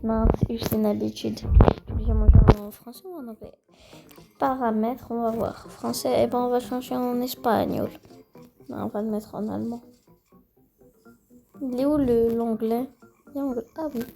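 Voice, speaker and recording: A woman's voice: on the high side, fairly even intonation, moderate pace, creaky, pauses often, mellow, rough recording. A woman giving casual, rambling gameplay commentary full of fillers, now and then slipping into English words. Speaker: gaming video creator.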